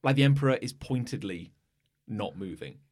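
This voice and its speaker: A man runs a tabletop game, narrating scenes loosely with many fillers. His voice is lively and moves widely in pitch. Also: moderate pace. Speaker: game master.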